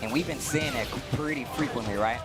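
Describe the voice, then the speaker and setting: A man's voice: medium pitch, brisk. A man commentating on a fighting game tournament with casual, slangy analysis of the play. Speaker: esports commentator. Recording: music playing behind the voice.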